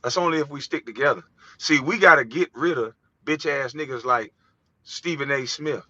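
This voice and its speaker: Heated, bright-voiced man on a rant. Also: medium pitch, normal speed, no echo. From United States. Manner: heated, ranting, profane, preachy. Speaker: vlogger. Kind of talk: impassioned monologue. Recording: dull, dry lo-fi recording.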